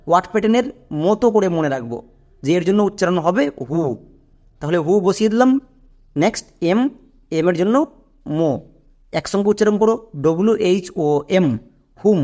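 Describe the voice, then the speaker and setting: A man teaching English pronunciation to Bengali speakers, spelling words out slowly letter by letter and often asking if it is clear. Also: sits high, a little mellow. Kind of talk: Bengali spoken lesson on English phonics.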